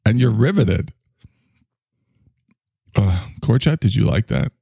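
An older man in his sixties rambles through a solo podcast, joking at his own expense. His voice is low and gravelly, and his pitch swings widely. The sound is dry and close. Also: animated, takes it slowly, warm tone, no room sound. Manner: rambling, self-mocking, jokey. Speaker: podcast host.

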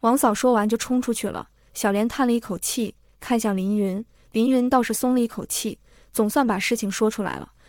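A woman reads a serialized story in a steady, even narrating voice. Her pitch sits a little high, and the recording is dry and close to the mic. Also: fairly quick, dry recording. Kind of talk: story reading.

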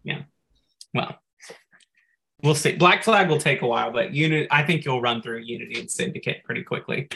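A man's voice: mid-range voice, moderate pace, creaky, long pauses, pushed and bright. A man co-hosting a podcast in casual chat, recapping game lore at length and dropping in frequent "like" asides. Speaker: podcast co-host.

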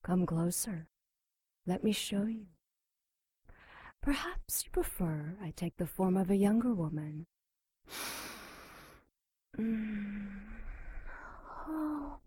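A woman voicing a seductive, taunting female demon held captive, who speaks in breathy whispers with a slow, mocking delivery. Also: mid-range voice, animated, dark tone, no echo, heavily acted. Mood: whispered seductive. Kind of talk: audio drama acting.

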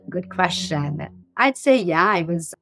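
A woman in her forties from Iran, guesting as a startup CEO, speaks with a fairly low but fairly bright voice and a slight Iranian accent. She answers interview questions earnestly, laughing easily, in a recording without echo.

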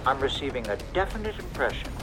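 An actor playing a pompous, calculating genius who delivers precise predictions like a fortune teller in an audio drama. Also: male voice, medium pitch, very animated, fast, bright, forceful tone, soft background music. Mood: measured, knowing. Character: pompous, calculating genius strategist forecasting odds.

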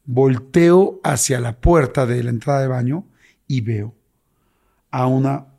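A man telling a story in casual chat, animated and acting out screams. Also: medium pitch, a little slow, vocal fry. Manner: animated, acts out screams and gasps. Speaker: guest.

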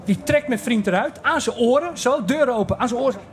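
A man's voice: very high-pitched, expressive, brisk. A man in his forties telling a comic personal story, acting out other people's voices and sound effects. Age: 40s. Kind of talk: personal anecdote told to listeners.

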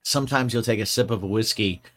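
He talks fast in a lowish, slightly bright voice while co-hosting a podcast. The chat is casual and rambling, playful and full of fillers.

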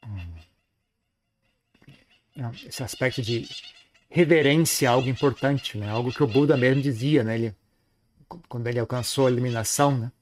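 A man gives a Buddhist teaching, talking in an easy, conversational way. He keeps tagging his phrases with a questioning "right?" at a mid pitch, as if checking in with his listeners. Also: moderate pace, long pauses, a little hiss or hum. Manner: relaxed, frequent "né?" tag questions. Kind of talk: dharma talk.

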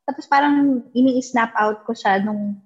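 A woman's voice: a little high, moderate pace, slightly rough. A woman telling a ghost story in a casual interview, mixing English into her talk and acting out what people said. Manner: mixes English into Tagalog, acts out quoted dialogue. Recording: dull lo-fi recording.

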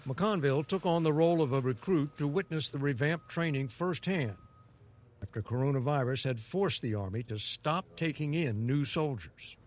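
A man's voice: on the high side, moderate pace, a little mellow. A man with an American accent reading scripted narration for a broadcast news report. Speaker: news correspondent.

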